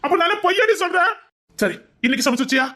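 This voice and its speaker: A man's voice: extremely high pitch, expressive, bright, forceful tone, full character voice. A man playing an aggrieved husband who scolds and then pleads with his wife in a web drama. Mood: angry scolding. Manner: reproachful, rapid nagging with repeated "di".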